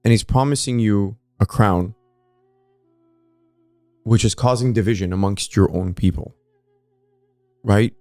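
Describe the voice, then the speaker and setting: A man's voice: fairly low pitch, measured pace, long pauses, warm tone, dry recording, faint music behind. Man pressing his point on a podcast. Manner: pushes his point, questioning, often cuts in. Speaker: podcast co-host. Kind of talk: casual history podcast discussion.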